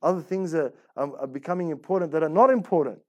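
The recording is muffled as a man with a rather high, dark-toned voice speaks fast in an Islamic religious class, styled as a conversational sermon. He teaches colloquially with repetition, rhetorical questions, and Arabic religious phrases, and he role-plays inner voices.

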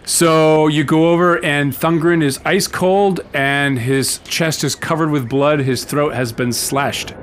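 A man narrating as game master, calm and matter-of-fact. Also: on the high side, slow, hardly any pauses, noisy background.

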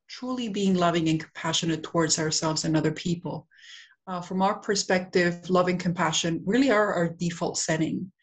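Chatty Peruvian-born woman with low voice. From Peru. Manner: chatty, many fillers. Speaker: guest, centre co-owner. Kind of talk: casual interview talk.

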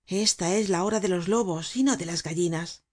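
A woman with a low, husky voice reading the lines of a young male cutthroat who warns with mocking menace. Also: normal speed, darkish tone, lightly acted. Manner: mocking warning.

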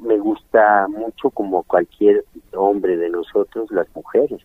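A man's voice: fairly low pitch, fairly even intonation, takes it slowly, no room sound. A man, an interview guest who speaks candidly and chuckles often. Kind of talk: candid casual chat. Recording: tinny phone-like audio with faint music.

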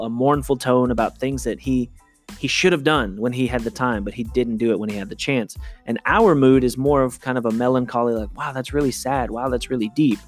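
Man, English teacher, casual review lecture, mid-pitched voice, faint background music. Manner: conversational, acts out quoted lines. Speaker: high school English teacher.

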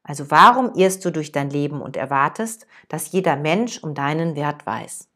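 A woman reading the lines of a wise old male master in a calm, measured way. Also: lowish voice.

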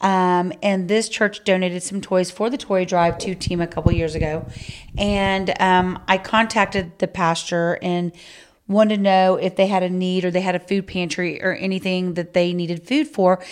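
A woman's voice: fairly low pitch, steady tone, moderate pace, smooth. A middle-aged woman co-hosting a podcast, chatting casually and heartfelt, rambling with many fillers. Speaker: podcast co-host. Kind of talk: casual chat.

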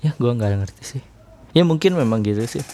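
A man's voice: medium pitch, animated, fairly quick, dark tone, slight background noise. Young man, casual monologue; rambling, second-guesses himself, laughs often. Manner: rambling, self-questioning, many restarts and laughs.

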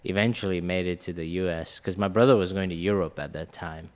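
Speaking a little fast in a low voice, this late-thirties man, Indian-born and Ghana-raised, recounts his life earnestly while guesting on a podcast. The casual interview storytelling echoes in a large hall.

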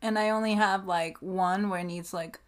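A woman co-hosting a podcast in a casual, conversational style, with an average-pitched voice. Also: fairly even intonation, moderate pace. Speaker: podcast co-host. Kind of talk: casual chat.

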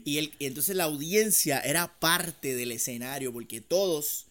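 A man's voice: on the high side, normal speed, noisy background. A Puerto Rican man hosting a podcast in casual, crude comic banter with exaggerated emphasis. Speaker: podcast host.

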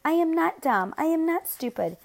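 A woman voicing a young boy who whines and cries out in a high, upset voice. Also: animated, unhurried, close to an everyday voice. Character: young frightened boy, quick to cry and rage.

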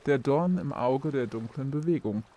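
A woman's voice: a bass voice, lively intonation, moderate pace, dark tone, pitched below the performer's own voice. A woman voicing a menacing, mocking young man in an audiobook, with a sneering, threatening manner.

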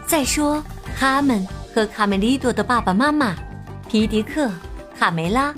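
A woman reading a children's story aloud in an animated way, putting on voices for the characters. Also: a little high, normal speed, faint music behind.

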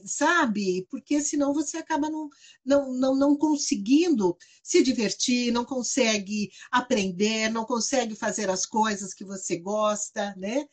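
Animated Brazilian woman telling a story. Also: on the high side, moderate pace. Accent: Brazilian Portuguese. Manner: animated storyteller, frequent "né?" tags and laughs. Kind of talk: casual chat.

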